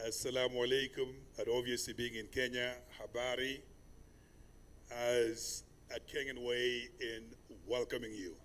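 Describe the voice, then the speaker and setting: A man from Senegal moderating a climate summit panel, speaking in a measured, ceremonial way in a conference hall. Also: medium pitch, fairly bright tone, slight background noise.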